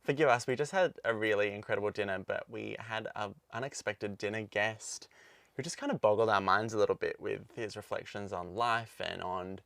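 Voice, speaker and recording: A young man chats casually as a podcast co-host. His voice is gravelly and sits a little low. He rambles and laughs easily, recorded close and dry. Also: brisk, fairly bright tone, dry recording. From Australia. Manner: chatty, rambling, laughs often. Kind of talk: casual chat.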